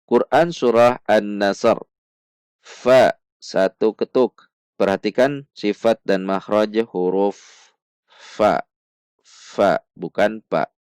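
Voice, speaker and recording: Slow, patient man teaching Quran recitation. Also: on the low side, a little mellow, clear, resonant tone, no room sound. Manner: patient, repeats each syllable and contrasts right and wrong sounds; chants Arabic verses in a melodic recitation. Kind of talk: slow step-by-step recitation lesson.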